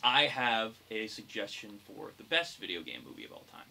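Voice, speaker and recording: Speaking at a moderate pace, this young adult podcast co-host keeps the chat casual. His lowish voice swings widely in pitch and sounds bright and forceful, with clear background noise in the recording.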